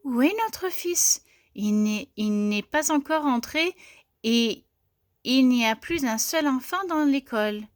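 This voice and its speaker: An anxious mother mouse from a storybook, read by a woman, her voice pitched up and fretful. The sound is close and dry. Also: lively intonation, takes it slowly, dry recording. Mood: worried.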